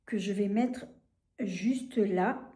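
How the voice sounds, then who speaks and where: A French woman showing makeup on camera, gushing about each product and filling pauses with hesitations and repeated words. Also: mid-range voice, mellow. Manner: gushing, enthusiastic over products. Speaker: beauty vlogger. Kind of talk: casual product demo. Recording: echoey room.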